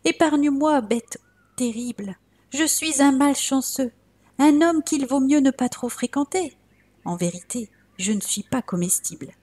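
A woman voicing a luckless traveler man who begs a tiger to spare him, in a high, pleading voice. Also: lively intonation, measured pace. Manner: high-pitched, pleading, loud.

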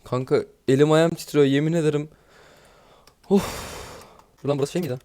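A young man giving casual, excitable commentary over his gameplay, swearing often and laughing nervously. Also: a little high, fairly quick. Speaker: gaming YouTuber.

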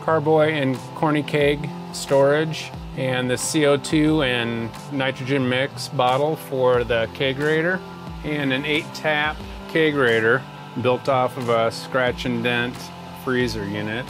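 A man's voice: mid-range voice, fairly even intonation, a little slow. A man in his forties, a home brewer, casually explaining his setup as he works in an indoor home brewery. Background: guitar music.

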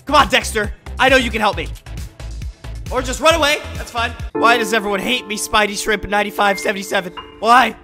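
Man through a squeaky voice changer. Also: a little fast, over music. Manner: playful, self-mocking, excitable. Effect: voice changer raising the pitch. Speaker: gaming video creator. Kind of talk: live gameplay commentary.

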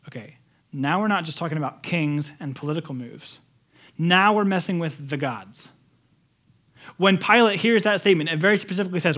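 Man, pastor, sermon, high voice, animated storytelling. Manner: animated storytelling, acts out quotes in lively voices.

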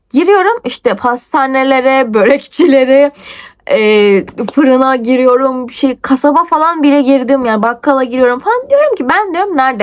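A young woman vlogger telling a story in a casual, rapid, breathless way, her pitch swinging up and down. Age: young adult.

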